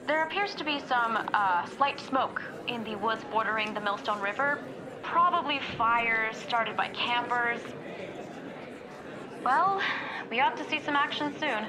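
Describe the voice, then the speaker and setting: High-voiced confident army captain played by a woman. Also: measured pace, pauses often, natural voice. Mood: confident, dismissive. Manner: official, self-assured. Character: confident, dismissive army signal corps captain reporting from the field. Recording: field broadcast with crowd noise behind.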